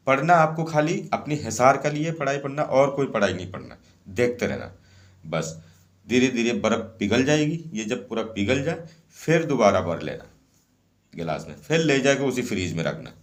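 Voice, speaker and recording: A man's voice: mid-range voice, sing-song, moderate pace. A man explaining ritual instructions step by step in a casual spoken way, repeating each point and often checking in with "okay".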